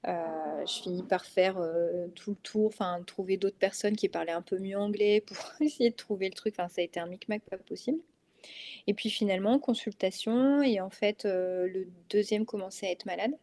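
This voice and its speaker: Speaking at normal speed in a mid-range voice with a dark tone, a northern French-accented woman in her thirties chats casually as an interview guest. The mother of three hesitates often, filling gaps and restarting sentences.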